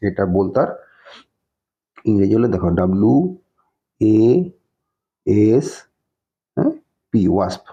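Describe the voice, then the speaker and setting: Male primary teacher, mellow husky voice, spells words out letter by letter. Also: on the low side. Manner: patient, checks in with "হ্যাঁ?" after nearly every phrase. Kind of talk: explaining a textbook lesson. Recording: dull lo-fi recording.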